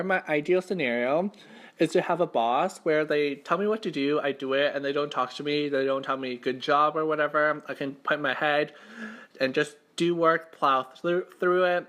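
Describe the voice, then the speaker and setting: A man's voice: a little high, moderate pace, a bit bright. A young man telling a story in a casual, conversational mukbang style, circling back and rephrasing, with lots of "like". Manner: conversational, repeats and rephrases himself, heavy use of "like". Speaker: mukbang vlogger. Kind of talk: casual storytime chat while eating.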